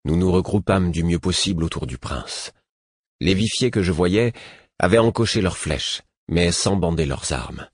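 Deep husky male audiobook narrator. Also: moderate pace, no room sound, clean studio sound. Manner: steady first-person storytelling.

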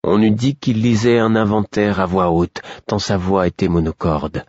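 A man narrating a first-person audiobook in a slow, grave, weary way. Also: fairly low pitch, little pitch movement, a little mellow, dry recording, highs cut off.

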